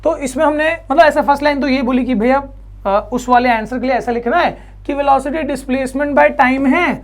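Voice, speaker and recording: A man's voice: extremely high pitch, moderate pace. A male physics teacher from India giving a classroom lecture, chatty and coaxing, asking questions and answering them himself. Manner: coaxing, reassuring students.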